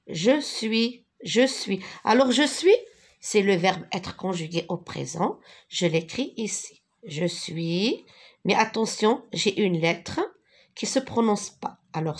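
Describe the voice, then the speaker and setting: A woman teaching a French spelling lesson, patiently repeating each word slowly, with a few translations. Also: mid-range voice. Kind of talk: slow classroom lesson with repetitions.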